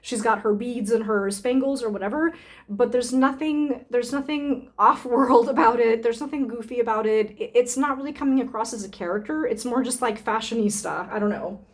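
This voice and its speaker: A woman's voice: on the high side, moderate pace. A woman burlesque performer chatting casually on her vlog, thinking aloud with lots of fillers and the odd swear word. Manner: rambling, many fillers, swears freely, thinks aloud while sniffing samples. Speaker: burlesque performer reviewing perfume samples. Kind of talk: casual unscripted vlog chat.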